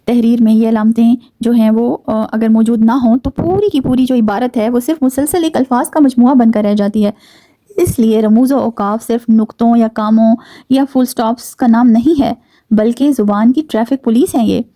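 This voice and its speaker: A woman teaching a grammar lesson, explaining patiently with occasional fillers and slowing down to stress key words. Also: a little high, mellow, no echo. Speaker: Urdu teacher.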